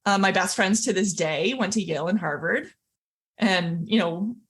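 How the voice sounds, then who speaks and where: A middle-aged woman speaks as a guest on a podcast and tells her story with lively energy. She laughs often and acts out the people she quotes. Her voice sits at an ordinary pitch for a woman. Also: normal speed, husky.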